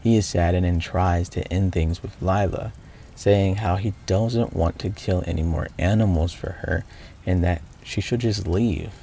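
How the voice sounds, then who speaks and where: A man reading scripted game analysis narration in a measured, explanatory way. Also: deep voice, steady tone, dark tone, slight background noise. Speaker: video narrator.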